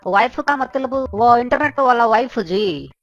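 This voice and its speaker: A woman voicing a pleading, persistent male neighbor with a South Indian-styled Hindi accent, whiny and overly polite, in a high pitch-shifted cartoon voice. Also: animated, unhurried, no room sound, muffled recording. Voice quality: whiny, polite, adds "ji" constantly.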